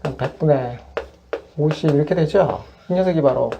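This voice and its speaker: Very low, gravelly-voiced woman math tutor. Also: moderate pace. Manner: patient, step-by-step explaining. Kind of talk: worked-example lesson.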